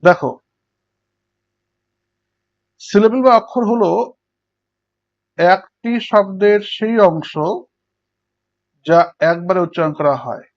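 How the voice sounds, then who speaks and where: A man's voice: high-pitched, animated, a little slow, long pauses. A male teacher explaining English prosody step by step to students and working through examples. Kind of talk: Bengali lecture on English prosody. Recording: dull lo-fi recording.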